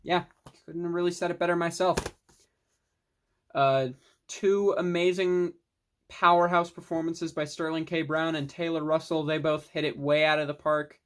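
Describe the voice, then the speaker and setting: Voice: medium pitch, little pitch movement, normal speed. A young adult vlogger giving a casual, rambling film review monologue, enthusiastic, with mild swearing.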